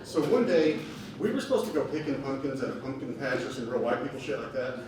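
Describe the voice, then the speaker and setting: Stand-up comic in a noisy echoey bar. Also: male voice, medium pitch, fast talker, far from the mic. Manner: deadpan storytelling with acted quotes. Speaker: stand-up comedian. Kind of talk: stand-up comedy set. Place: bar stage with laughing audience.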